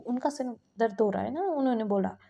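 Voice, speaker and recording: A woman doing a soft-spoken, caring young brother in a read-aloud story, higher and mellow voice. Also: quick pace, creaky. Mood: gentle. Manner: soft, pleading.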